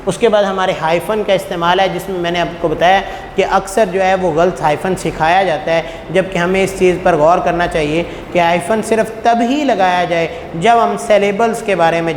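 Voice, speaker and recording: Male teacher in echoey room. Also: sits high. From Pakistan. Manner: patient, poses rhetorical questions, calls students "beta". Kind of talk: classroom lecture. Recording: echoey room with long reverb, faint noise.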